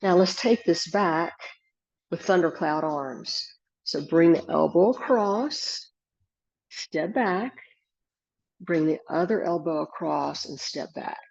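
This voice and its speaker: A woman instructor with a husky, slightly gravelly voice, gently guiding a tai chi class with serene, step-by-step movement and breathing cues. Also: lowish voice, slow. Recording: dull lo-fi sound.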